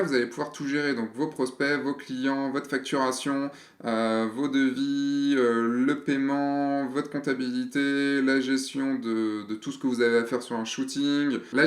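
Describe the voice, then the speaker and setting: A man in his thirties hosts a casual explainer video for fellow photographers. He talks in a chatty, rambling way, full of fillers and restarts. His mid-pitched voice rings with the echo of a bare room.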